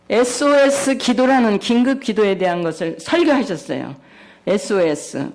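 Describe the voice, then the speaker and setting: A middle-aged woman with a voice of ordinary pitch tells a personal testimony at a church service. She talks with animation and slips into the voices of the people in her story as she goes. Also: a little mellow. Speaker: church member giving testimony.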